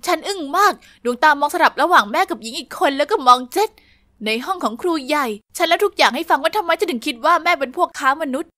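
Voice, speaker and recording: A woman with a high voice narrates a dramatic animated story in the first person. Her delivery is scripted and expressive, recorded dry and close with no room sound. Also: fast talker, dry recording.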